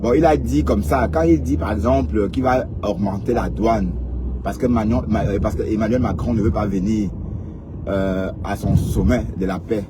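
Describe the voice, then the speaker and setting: This man speaks at a normal speed in a voice on the low side, chatting casually with his live-stream audience. He jokes and teases, repeats words, and adds small asides to what he says, while passing cars and heavy street noise come through the outdoor mic.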